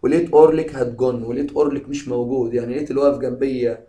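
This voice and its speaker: A male English teacher with an Egyptian Arabic accent, explaining a novel to his students. He reads English lines slowly and then explains them quickly in colloquial Arabic. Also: medium pitch, fairly even intonation, mellow, roomy sound. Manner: switches between slow English reading and quick colloquial explanation.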